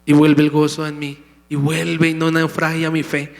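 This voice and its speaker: A man preaching a sermon in a slightly high voice, emphatic and calling out to his congregation. His words ring out through a church sanctuary. A long hall reverb trails after each phrase. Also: completely flat delivery, moderate pace, creaky. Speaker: pastor.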